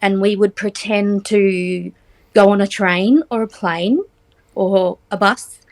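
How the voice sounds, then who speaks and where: An Australian woman in her forties, chatting as a guest in a casual interview, filling pauses with ums and teasing lightly. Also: medium pitch, steady tone. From Australia, Central West New South Wales. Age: 40s.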